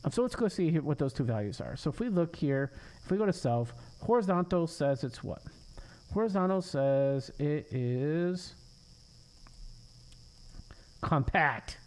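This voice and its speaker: Man, slightly high voice, live coding host talking to himself, irritated and cursing at buggy code. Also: expressive, a little slow, long pauses, darkish tone, rough recording. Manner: frustrated, swearing, muttering to himself. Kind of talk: live coding stream, thinking aloud.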